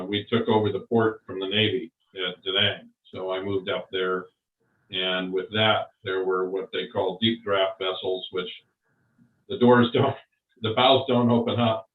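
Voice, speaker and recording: This is a low-voiced older man, a Vietnam veteran, speaking in an oral history interview about his time in service and his working life. He talks slowly, stopping often and leaning on fillers, and the audio is far off, echoey and phone-like.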